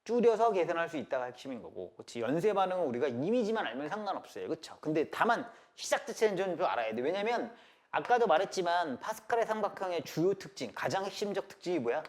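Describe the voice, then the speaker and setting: Male math lecturer, slightly high voice, live classroom, peppers students with quick questions. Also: very animated. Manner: rhetorical questions, checking understanding; blunt and casual with students. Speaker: math teacher.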